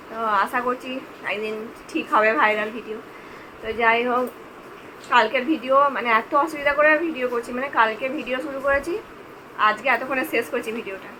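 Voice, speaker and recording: A chatty woman vlogging from home, talking to her viewers as friends. Her voice sits a little high, with clear background noise under it from a phone recording. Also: bright, forceful tone, poor audio. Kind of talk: casual home vlog narration.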